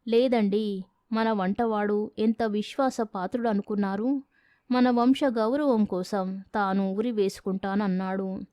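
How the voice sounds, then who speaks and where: A woman's voice: mid-range voice, fairly even intonation, a little slow, dark tone, no echo, clean studio sound, close to an everyday voice. A woman voicing a cunning landlord's wife who speaks in a persuasive, sly way in a storybook reading.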